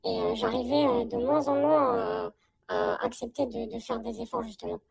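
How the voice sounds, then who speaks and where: A woman with a high voice that breaks into heavy creak. She gives a casual, slangy testimonial in an interview, hesitating as she goes, with chatter audible behind her. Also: sing-song, moderate pace. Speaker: coaching client giving a testimonial.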